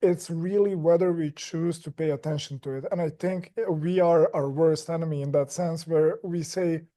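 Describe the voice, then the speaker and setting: Measured, mellow-voiced man guest. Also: a little high, fairly even intonation. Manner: measured and slow, with frequent restarts and "like" fillers. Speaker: podcast guest. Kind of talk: casual chat.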